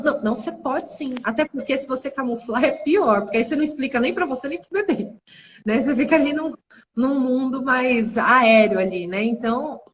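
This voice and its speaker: A woman's voice: fairly high pitch, a little hiss or hum, poor audio. A Brazilian woman talking casually and openly as a guest in a live video chat, often checking in with a tag question. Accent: Brazilian Portuguese. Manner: warm, conversational, many tag questions. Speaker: guest, prenatal psychology specialist.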